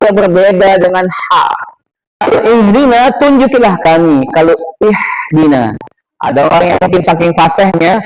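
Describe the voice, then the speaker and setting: An ustadz gives a mosque lesson in a notably high voice, leaping into loud emphatic phrases and dropping to low murmured asides. He chants Arabic verses slowly and draws them out. The recording is dry and close. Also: no room sound, poor audio. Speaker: ustadz teaching Quran tafsir. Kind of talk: sermon-style Quran lesson.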